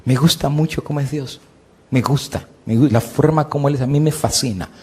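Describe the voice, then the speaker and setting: A middle-aged man preaching a sermon, his voice slightly husky. He swings between loud, high-pitched peaks and low, quiet lines, and he asks his listeners questions before answering them himself. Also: fairly quick. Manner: preaching with sweeping rises and drops in pitch and volume. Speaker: pastor.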